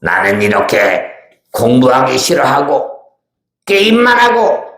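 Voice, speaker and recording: A man's voice: medium pitch, wildly swooping pitch, measured pace, a bit bright. A man voicing a sneering, boastful lying devil puppet in a live children's church puppet show, taunting and cackling. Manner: taunting, cackling, shrieks when struck. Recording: echoey church hall, faint music.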